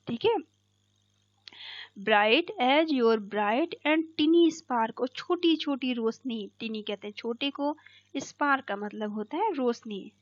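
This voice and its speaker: A female teacher walks through an English poem line by line in Hindi, reading the English lines slowly and checking each point with "theek hai." Her voice is fairly high, with no room sound in the dull, dry lo-fi recording.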